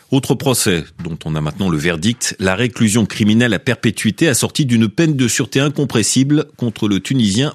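A man reading the evening news as a radio anchor, with a measured, steady delivery. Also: fairly low pitch, no room sound, studio quality.

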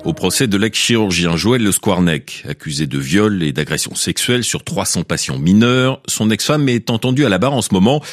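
A man reading the evening news as a radio anchor, with a measured, steady delivery. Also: on the low side, no room sound.

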